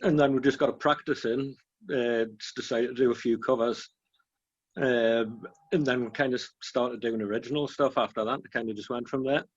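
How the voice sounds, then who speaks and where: A man's voice: medium pitch, fairly even intonation, normal speed, no room sound. Male band member; modest, repetitive way of talking; dry, muffled recording. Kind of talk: casual interview chat.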